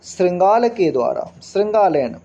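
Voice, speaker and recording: A man gives a line-by-line Sanskrit lesson, slowly reading verses, then explaining them word by word and asking rhetorical questions as he goes. His voice sits high and is very animated, gravelly and mellow, with the highs cut off.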